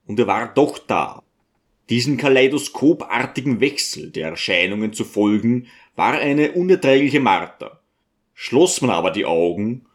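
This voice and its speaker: Ein Mann, der einen Roman als Hörbuch ausdrucksvoll vorliest. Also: male voice, medium pitch. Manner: expressive storytelling. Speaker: audiobook narrator. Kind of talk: reading a novel aloud.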